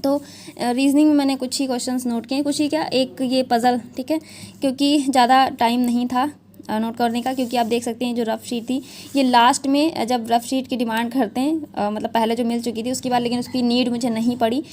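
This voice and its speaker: A woman's voice: on the high side, level tone, fairly quick, darkish tone, a little hiss or hum. A young woman talking through an exam analysis in a casual, chatty way, often checking in with her viewers and mixing English into her Hindi. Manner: chatty, repeats "theek hai" often, mixes English into Hindi. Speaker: exam prep educator.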